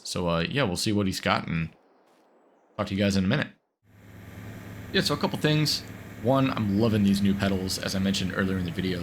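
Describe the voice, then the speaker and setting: A man with a low-pitched, fairly bright voice, slightly marred by hiss or hum, hosts a gaming video while getting over a cold. He chats casually as he plays a farming game, rambling in gameplay commentary packed with fillers.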